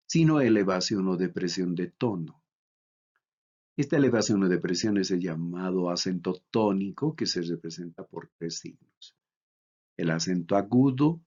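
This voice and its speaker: A man from Bolivia giving a recorded lecture, reading out examples slowly and deliberately. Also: sits low, a little mellow. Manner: slow, deliberate, reads out examples. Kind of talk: recorded lecture on Greek accents. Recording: dull lo-fi recording.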